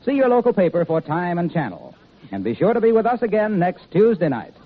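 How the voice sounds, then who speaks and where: A man announcing and reading a persuasive commercial in a brisk 1950s radio style, heard from an old broadcast transcription disc. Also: sing-song, narrow, tinny audio. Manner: brisk, persuasive sales pitch. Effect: old broadcast disc recording.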